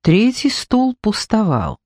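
A man narrating an audiobook in an even, measured storytelling manner. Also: high voice, dry recording, clean studio sound. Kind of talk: scripted narration.

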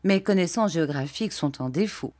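A woman reading an audiobook, narrating in a calm, measured way. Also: on the low side. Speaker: audiobook reader. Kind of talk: scripted narration.

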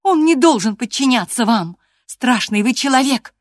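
A woman reading aloud, voicing a bold, stubborn young woman who shouts high and loud. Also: fairly even intonation, brisk, no room sound, clean studio sound. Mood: defiant.

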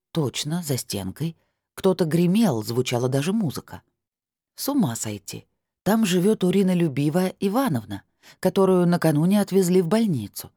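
A woman narrating a first-person story in a wry, lively storytelling manner. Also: low-pitched, no echo, clean studio sound.

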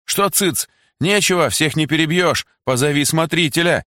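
A man voicing a crowd of angry women prisoners who shout their demands. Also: fairly high pitch, normal speed, no echo, studio quality, voice pushed up. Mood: demanding.

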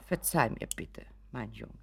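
A woman's voice: rumbling low, very animated, measured pace, creaky, darkish tone, husky, full character voice. An actress playing an anxious, doting mother of a grown son in a radio drama, pleading and fretting, often sinking to a whisper. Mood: doting, worried. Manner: pleading and fretful, drops to whispers.

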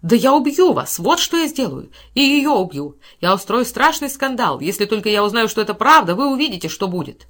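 Woman voicing a melodramatic blustering violinist man, loud threats, cowardly at heart, storybook reading. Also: mid-range voice, expressive, fairly quick, close to an everyday voice. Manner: shouting, melodramatic. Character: blustering cowardly male violinist, hot-tempered.

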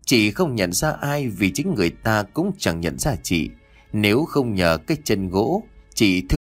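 A man giving a dramatic, expressive reading of a scripted horror story. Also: on the low side, measured pace, faint music behind.

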